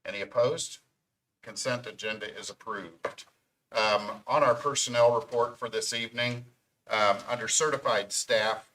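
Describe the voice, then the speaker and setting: A man's voice: fairly low pitch, a bit bright, slight background noise, poor audio. A man chairing a school board meeting, reading names from a list with frequent ums and slightly out of breath.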